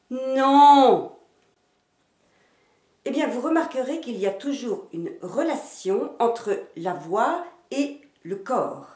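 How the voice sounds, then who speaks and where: A woman teaching phonetics in a slow, deliberate scripted narration, demonstrating intonation and stress with varied emphasis. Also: on the high side, a little mellow. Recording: roomy echo.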